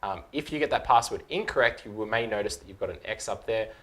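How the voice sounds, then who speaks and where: Talking fast in a fairly low, fairly bright voice, a man in his thirties presents a relaxed tutorial one step at a time. His explanations stay informal, and he keeps checking along with "okay."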